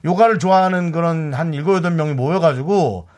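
A man's voice: a little high, fairly quick, a little mellow. A man co-hosting a radio show, musing aloud and sharing anecdotes in a casual chat. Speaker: radio co-host.

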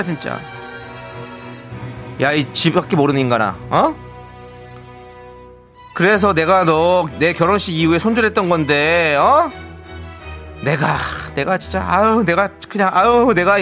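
A man's voice: high-pitched, heavily acted. A man playing a young father who rants indignantly at a selfish friend in a radio skit. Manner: indignant, ranting, rising to shouts. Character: fed-up young father, finally exploding at a friend.

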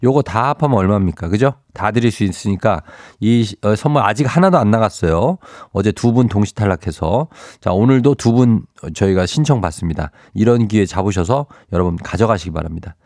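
A man's voice: on the low side, expressive, a little fast, hardly any pauses, a little mellow, dry recording, clean studio sound. A man hosting a morning radio show, chatting playfully and reading listener texts aloud. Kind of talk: casual morning radio chat. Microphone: studio microphone.

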